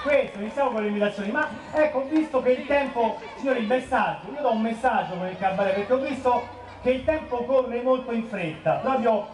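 A Roman cabaret comedian in his forties rambles through live stand-up on an outdoor piazza stage, chatty and full of filler words. His voice is very high and brisk, with a noisy background. The sound is echoey and distant, with a crowd audible.

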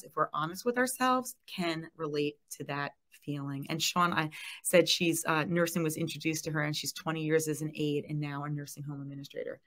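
A middle-aged woman giving a lively webinar presentation, reading out chat comments. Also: low-pitched. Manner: lively, reads chat comments aloud with laughs.

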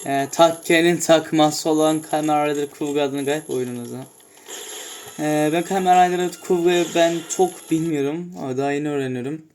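A young man casually commenting on a fighting game as he plays, often shouting in surprise and swearing. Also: on the high side, steady tone, normal speed, a little hiss or hum, low-quality recording. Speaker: gameplay streamer. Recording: music clearly heard behind.

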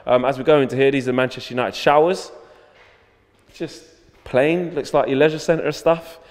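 Speaking at a normal speed with fairly even intonation, this man has a mid-range, darkish voice, and a long reverb tail follows his words. He hosts a fan channel, cracking jokes like a tour guide as he casually vlogs through an empty indoor stadium dressing room and corridor on a handheld mic.

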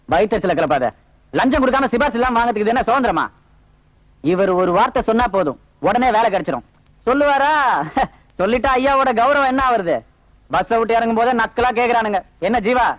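A man's voice: extremely high pitch, animated, a little fast, long pauses, no echo, rough recording. A man delivering film comedy dialogue in a mocking, wailing comic lament.

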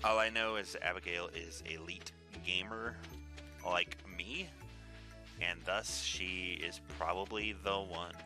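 A man's voice: low-pitched, steady tone, slow. A man in his thirties giving casual, joking game commentary, rambling along to himself. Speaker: gaming video host. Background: game music.

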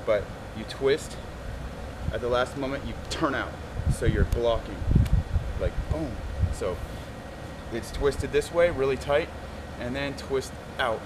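A man's voice: medium pitch, slow. A middle-aged man speaking as a martial arts instructor, giving short step-by-step commands outdoors, recorded from a few metres away. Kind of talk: taekwondo lesson, demonstrating and instructing. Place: outdoors in a garden. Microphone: camera a few metres away. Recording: noisy outdoor audio from a distant camera.

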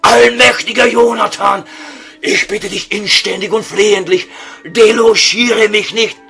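Here is a pompous, evasive vampire count from a comedy audio sketch. He speaks ornate standard German in a heavily creaking voice, raised in pitch. The delivery is drawn-out and sharp-edged. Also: fairly even intonation, soft background music, heavily acted. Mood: pleading. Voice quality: gravelly, creaky.

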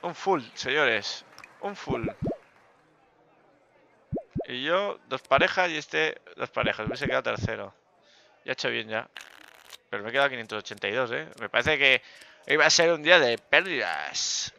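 A man giving joking, self-mocking commentary over a poker game, with bursts of loud excitement. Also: medium pitch, moderate pace, creaky, pauses often. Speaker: gaming youtuber.

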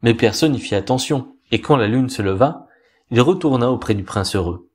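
Un homme qui lit un conte de fées à voix haute, d'un ton calme, mesuré et expressif. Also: male voice, mid-range voice, slightly rough. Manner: calm, measured, expressive. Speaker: storyteller. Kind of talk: reading a fairy tale aloud.

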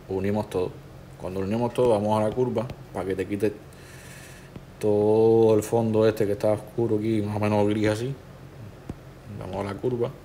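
A man, a tattoo artist calmly talking the viewer through a drawing tutorial step by step. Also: on the low side, slight background noise. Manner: relaxed, instructive, talks the viewer through each step. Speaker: tattoo artist teaching a digital stencil technique.

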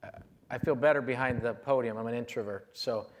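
A man in his fifties, a keynote speaker, answering audience questions with measured confidence and frequent fillers on a large conference stage, on a lapel mic. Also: mid-range voice, a little hiss or hum.

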